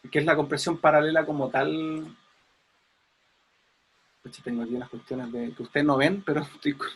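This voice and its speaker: A man's voice: a little high, creaky, a bit bright, slightly rough. A man teaching an audio class over a video call, chatty and explaining with everyday comparisons. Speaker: audio engineering instructor.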